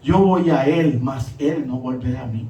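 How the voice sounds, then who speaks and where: A man preaching a sermon, with emphatic rises and hushed drops. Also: medium pitch, moderate pace, lo-fi sound. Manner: emphatic preaching, rising and dropping. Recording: echoey room, voice from a distance.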